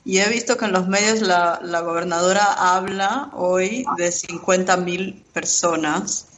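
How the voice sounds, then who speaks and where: A woman's voice: lowish voice, a bit bright. Brazilian woman researcher, native Portuguese speaker. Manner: measured, explanatory, with hesitations. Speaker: guest researcher. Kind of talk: radio interview answers.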